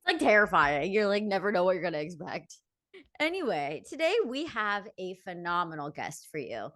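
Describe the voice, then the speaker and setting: Young adult woman, podcast co-host; lowish pitch, easygoing and reflective, with lots of "like". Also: moderate pace. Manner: relaxed, reflective, says "like" a lot. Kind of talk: casual chat.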